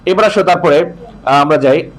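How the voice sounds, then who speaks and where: A man's voice: fairly high pitch, moderate pace. A man teaching English pronunciation to a class, patient and repetitive, often checking that students follow. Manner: patient, repetitive drilling with frequent check-ins.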